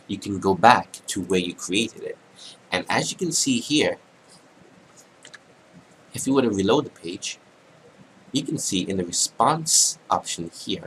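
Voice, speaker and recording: A man with a cold, hoarse and congested, talking through a screen-recorded software tutorial in a casual, halting way with many ums. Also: low-pitched, a little hiss or hum, rough recording. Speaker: tutorial narrator.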